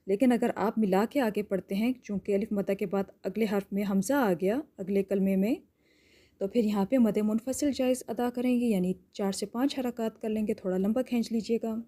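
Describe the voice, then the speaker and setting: A woman teaching Quran recitation rules. She explains each rule patiently and step by step, often checks in with "theek hai?", and stretches out words slowly to demonstrate. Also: mid-range voice, steady tone, dark tone. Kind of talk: tajweed lesson with slow drawn-out demonstrations.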